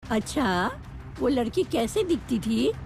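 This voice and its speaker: A bossy older village matriarch. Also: female voice, a little high, sing-song, slow, creaky, a little mellow, faint music behind, heavily acted. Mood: stern. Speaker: family matriarch. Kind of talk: dubbed TV serial acting.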